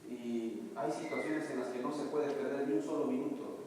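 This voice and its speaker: A man preaching a sermon as pastor, telling stories and building to loud, emphatic passages. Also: mid-range voice, steady tone, moderate pace, a little hiss or hum. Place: church. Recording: echoey church hall, mic far off.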